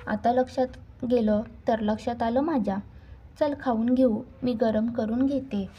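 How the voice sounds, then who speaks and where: A woman voicing a lively, teasing young woman who looks out for her friend in a read-aloud story. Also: fairly high pitch, unhurried, husky. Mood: cheerful. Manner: teasing and protective.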